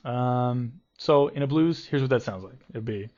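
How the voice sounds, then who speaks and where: Speaking at a moderate pace in a medium-pitched voice, a man gives a relaxed guitar lesson as the teacher. His explanations are loose and dotted with ums and false starts, captured in dull, lo-fi home video sound alongside his guitar.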